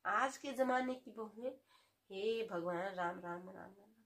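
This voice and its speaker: A woman's voice: mid-range voice, a little slow, a bit bright. An actress playing a gossipy older mother-in-law who complains about her daughter-in-law in a comic sketch. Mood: complaining. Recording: roomy echo.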